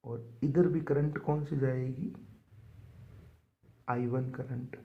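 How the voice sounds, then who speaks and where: A man's voice: medium pitch, steady tone, takes it slowly, narrow, tinny audio. A man teaching a physics lesson for board exams, calling his students kids and slipping English terms into his explanations. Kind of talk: board exam tutorial.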